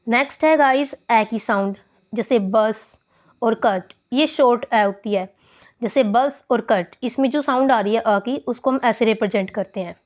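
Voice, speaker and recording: Higher-pitched woman teaching phonetics. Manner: explains step by step, calls listeners "guys", stretches example words. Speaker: English teacher. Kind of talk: phonetics lesson. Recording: dull lo-fi voice recording.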